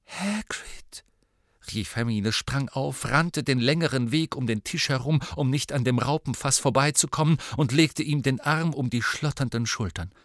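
A man narrating a story in a steady, even storytelling voice. His pitch sits in the middle, and the recording is dry with no room sound. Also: normal speed, hardly any pauses, no echo. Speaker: audiobook reader. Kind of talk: scripted narration.

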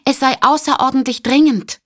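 Woman doing a shrill flustered phone operator. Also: fairly even intonation, normal speed, fairly bright tone. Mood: urgent. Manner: high-pitched, urgent, pleading.

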